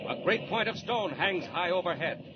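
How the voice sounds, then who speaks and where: A man with a high, expressive voice narrates a scripted 1940s radio serial at a moderate pace, sounding urgent, declamatory and dramatic. The old recording is muffled and noisy.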